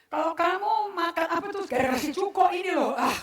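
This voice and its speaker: A woman's voice: very high-pitched, lively intonation, brisk, recorded from a distance. A woman pastor preaching a sermon to her congregation, blunt and scolding, mixing formal words with slang and jokes. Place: church service. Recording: echoey church hall.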